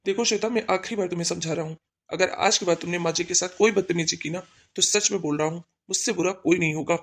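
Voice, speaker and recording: A woman voicing a man in his thirties in a cartoon, a son and husband who scolds sternly and loudly. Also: lowish voice, fast talker. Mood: angry.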